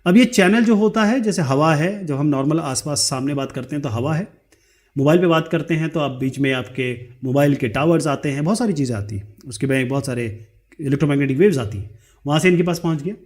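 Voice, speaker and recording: A man's voice: a little high, fairly quick, darkish tone. A man teaching an explanatory lecture, checking in with frequent "right?" tag questions and mixing English terms into his explanations. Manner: spells out ideas with step-by-step everyday examples.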